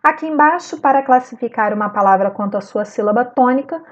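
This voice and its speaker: A woman's voice: a little high, fairly quick, highs cut off. A woman teacher giving a recorded video lesson, walking patiently through textbook exercises and often checking in with her students. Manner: frequent checking fillers like "né" and "tá".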